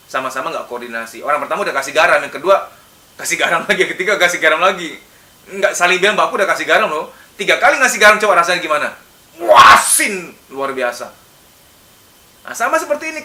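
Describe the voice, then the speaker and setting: A male psychology lecturer with a high, bright voice speaks in a casual, conversational register, animatedly acting out examples with sudden loud outbursts. The mic is distant and the room is echoey.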